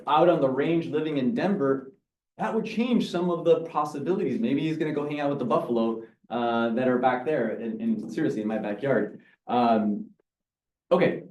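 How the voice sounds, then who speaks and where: A man giving a lively talk to a meeting audience, explaining with examples and asking questions. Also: mid-range voice. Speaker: presenter. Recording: echoey room, mic from far off.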